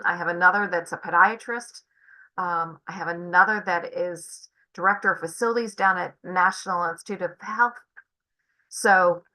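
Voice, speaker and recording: Older lady, bright voice, lots of ums, telling a meeting her story. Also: medium pitch, low-quality recording. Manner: halting, many fillers. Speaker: former student testifying. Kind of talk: testimony at a public meeting. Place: meeting room.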